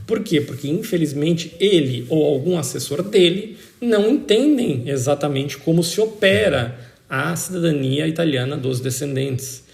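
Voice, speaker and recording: A citizenship expert with a Brazilian accent is interviewed, teaching the law forcefully and restating important points for emphasis. His fairly high voice is animated and moderately paced, with vocal fry and few pauses, in an echoing room.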